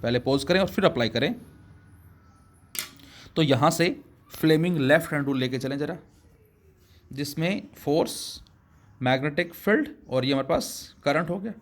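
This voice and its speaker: In a classroom physics lesson, a slightly high-voiced man takes his explanations slowly, addresses the students as children, and mixes words into his speech.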